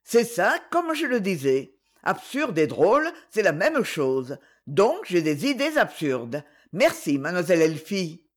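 A woman reader voicing an old, soft-hearted general who likes to tease, in a storybook. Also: fairly low pitch, very animated, measured pace, few pauses. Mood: teasing.

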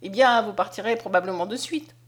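A woman reading the lines of a kind, caring lady in a storybook, gentle and reassuring. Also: mid-range voice, fairly quick, lightly acted.

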